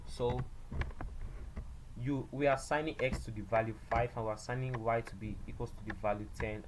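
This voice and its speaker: A man giving a beginner programming tutorial, explaining step by step in a halting way and often repeating himself. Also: mid-range voice. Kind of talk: screen-recorded coding tutorial. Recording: loud background noise and clicks.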